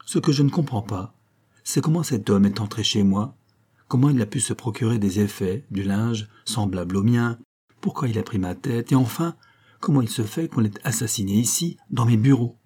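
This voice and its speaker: A man voicing an excitable foreign businessman who speaks in exclamations with an odd accent. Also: fairly low pitch, moderate pace, slightly rough. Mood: astonished.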